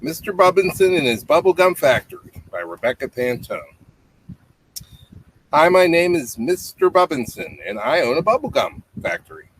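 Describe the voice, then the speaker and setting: Clicks and clear noise run through this home webcam recording, made in a small room with a low tiled ceiling. A man in his fifties, a parent, reads a children's bedtime story with simple explanatory asides for young listeners. His voice sits on the high side, very animated, at a moderate pace.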